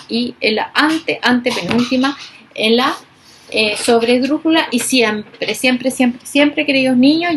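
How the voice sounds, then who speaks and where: A woman teacher giving a recorded class, speaking slowly and emphatically and stressing each example word. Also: on the high side, background noise.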